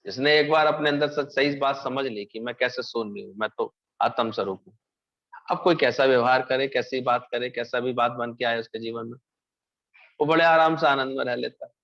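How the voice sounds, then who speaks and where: A man's voice: medium pitch, moderate pace, fairly bright tone. A man giving a spiritual discourse, telling stories and asking his listeners questions that he then answers himself. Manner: storytelling preacher, asks and answers own questions. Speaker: spiritual teacher. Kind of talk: Hindi satsang discourse. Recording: dull lo-fi recording.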